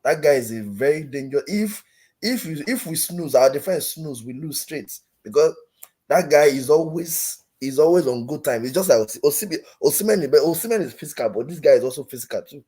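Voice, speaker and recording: Husky, mellow Nigerian man talking football. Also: on the high side, expressive, brisk. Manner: emphatic repetition of phrases. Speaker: call-in guest, football fan. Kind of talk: casual football chat.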